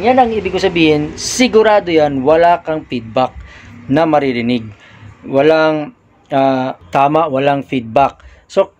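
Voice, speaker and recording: Filipino-style tech vlogger, slightly high voice. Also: male voice. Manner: explains step by step, shouting test calls into the mic. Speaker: audio equipment vlogger. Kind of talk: casual how-to demonstration. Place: small room with a mixer and speaker.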